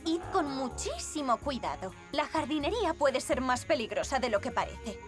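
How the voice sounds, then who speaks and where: A woman's voice: high-pitched, sing-song, moderate pace, music in the background. An actress voicing a cheerful, sensible cave girl who encourages her friends. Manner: bright, encouraging, giggly. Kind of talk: Spanish cartoon dubbing.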